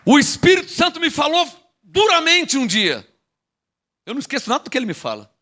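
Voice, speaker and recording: A middle-aged man with a Brazilian Portuguese accent preaching a sermon, fervent, swinging between shouted lines and low asides. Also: very animated, a little fast. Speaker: apostle preaching.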